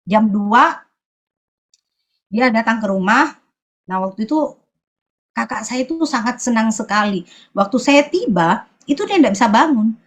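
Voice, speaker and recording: A woman with a fairly high voice shares a personal church testimony. She tells it in a halting, searching way, often stopping to find the next word. She is from Sulawesi in Indonesia. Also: fairly bright tone. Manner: hesitant, often pausing to search for words. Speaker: church member giving a testimony.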